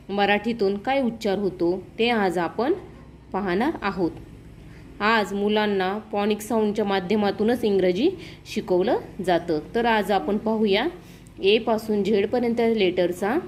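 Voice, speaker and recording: A woman with a Marathi accent teaching phonics in a slow, repetitive lesson, saying each letter sound twice in a drawn-out, deliberate way. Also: mid-range voice, darkish tone, a little hiss or hum.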